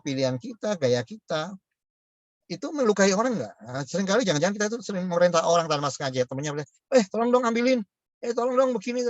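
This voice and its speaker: A man's voice: medium pitch, no echo. A man giving a business lecture over a video call, in a conversational way with frequent fillers and chuckles. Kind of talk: online lecture.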